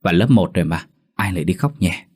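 Village dad, calm and reasoning, low voice, narrator doing him. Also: male voice, fairly quick, slightly rough. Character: middle-aged village father, easygoing drinker.

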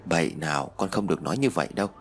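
A man voicing a worried young husband who speaks softly and soothingly to his child and wife. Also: sits low, lively intonation, racing, voice pushed down. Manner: soft and soothing. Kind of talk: audiobook character voice.

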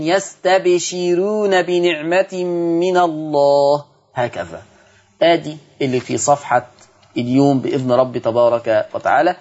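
A man with an Egyptian accent teaching Quran recitation on a televised lesson, explaining quickly and then reciting example words slowly. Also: on the high side, highs cut off.

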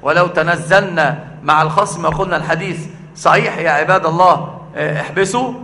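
Egyptian guy teaching religion, talks fast and sharp, keeps asking questions and repeating himself. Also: fairly high pitch, in a large hall. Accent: Egyptian Arabic. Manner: rhetorical questions, repeating key phrases. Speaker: religious lecturer. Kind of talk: explaining a book of Islamic creed.

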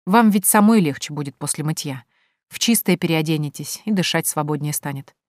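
Woman voicing young pregnant woman, calm, firm, cold, measured, low voice, dry sound. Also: dry recording, lightly acted.

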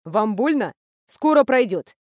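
A woman voicing a calm, polite male chief doctor. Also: on the high side, measured pace, no room sound.

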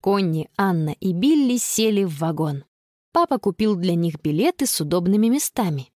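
Expressive woman reading a children's story. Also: on the low side, normal speed, dry recording, clean studio sound. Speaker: narrator. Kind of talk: children's audiobook narration.

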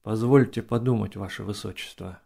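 Cautious, knowing male companion, slow and quiet, played by a male narrator with a gravelly voice. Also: lowish voice, pitched below the performer's own voice. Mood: uncertain. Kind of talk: audiobook reading.

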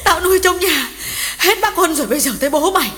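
A man voicing a terrified young mother who wails and pleads in a high, sobbing voice, in a dramatic audiobook. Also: lively intonation, normal speed, long reverb tail. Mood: hysterical. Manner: wailing, hysterical pleading.

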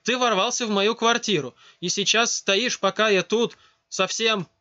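A man's voice: high-pitched, normal speed, pushed and bright, pitched above the performer's own voice. A man voicing a frightened, defiant young woman in a raised, agitated tone. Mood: indignant. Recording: dull lo-fi dry recording.

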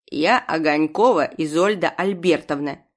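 A woman's voice: fairly low pitch, normal speed, natural voice. A woman voicing a commanding old woman doctor who barks orders in an audiobook. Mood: imperious. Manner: commanding, barking. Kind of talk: audiobook character voice.

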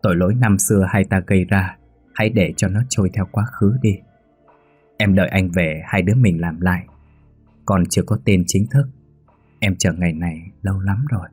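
Picture a tearful, remorseful young woman in a spoken horror story, her pleas soft and low, as a male narrator reads her part. The voice stays husky and deep, in a dry booth with faint music behind. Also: fairly even intonation, moderate pace, no room sound.

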